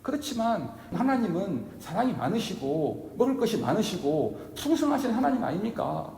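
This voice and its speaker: A man acting out a desperate, humble mother who pleads for her daughter, with his voice rising higher as she begs. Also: lively intonation, normal speed, warm tone. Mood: pleading. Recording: echoey reverberant hall.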